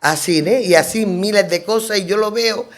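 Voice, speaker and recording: Middle-aged woman, radio talk show guest, round-table chat, lively storyteller, acts out quoted dialogue, rambling with emphatic repeats. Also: mid-range voice, normal speed. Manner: rambling, with restarts and emphatic repetitions. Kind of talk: round-table conversation, anecdote telling.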